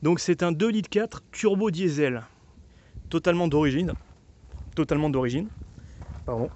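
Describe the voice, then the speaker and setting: A man's voice: a little high, normal speed, darkish tone, highs cut off. A man casually showing his old four-by-four, chatty and loose, with lots of fillers and restarts. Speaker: car owner presenting his vehicle. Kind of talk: casual walkaround presentation.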